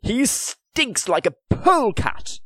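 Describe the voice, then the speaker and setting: Man doing a haughty english lord, contemptuous, brisk, raised pitch, loud, dry close recording. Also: very animated, breathy edge, no room sound, exaggerated voice. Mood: disgusted.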